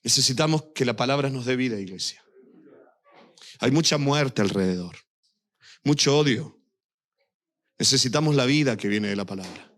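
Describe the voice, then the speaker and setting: A man's voice: mid-range voice, a bit bright. A male pastor preaching a sermon, speaking directly to his church and weaving in personal anecdotes.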